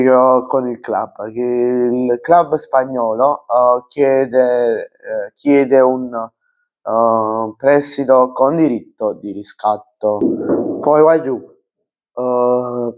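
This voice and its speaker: A young man talks through football transfer news on his own channel, slowly and unscripted. His pitch sits in an ordinary middle range, and he stumbles often, filling gaps with hesitations and restarting words. It is a casual, homemade rundown. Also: a little mellow, low-quality recording. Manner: hesitant, many fillers and restarts.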